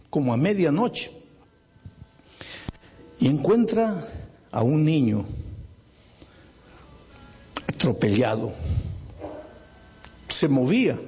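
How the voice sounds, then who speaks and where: A male preacher delivers a sermon through emphatic, dramatic storytelling. His voice is husky and sits a bit high for a man. His pitch leaps and falls all the time. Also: dark tone.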